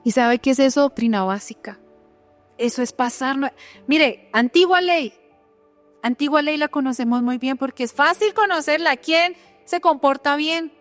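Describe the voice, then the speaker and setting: A woman delivers a sermon in a fairly high voice, sharing her own story with earnest feeling. She turns often to her listeners with direct rhetorical questions. Soft music plays faintly underneath. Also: expressive, moderate pace. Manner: earnest personal testimony with rhetorical questions to the audience. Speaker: preacher.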